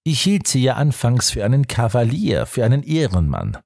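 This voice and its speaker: A man's voice: medium pitch, huge pitch swings, normal speed, gravelly, a little mellow, no echo, studio quality, heavily acted. A man reading the part of a defiant young woman in an audiobook, firm and scornful in tone. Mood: indignant. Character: defiant young woman held captive, proud.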